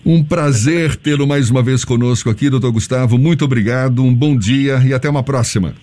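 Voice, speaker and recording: Brazilian guy hosting an interview, soft dark tone, polite and measured. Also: mid-range voice. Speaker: interviewer, programme host. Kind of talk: broadcast interview.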